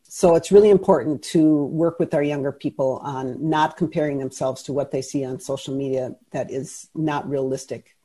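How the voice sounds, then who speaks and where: A woman's voice: low-pitched, fairly even intonation, moderate pace, mellow, breathy edge. A woman speaking as a guest on a radio interview, explaining things earnestly. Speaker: radio show guest, class leader.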